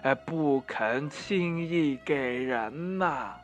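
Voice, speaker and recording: A man voicing a kindly old village woman in a children's storybook, speaking slowly and drawn out. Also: a little high, lively intonation, soft background music. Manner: slow, drawn-out speech.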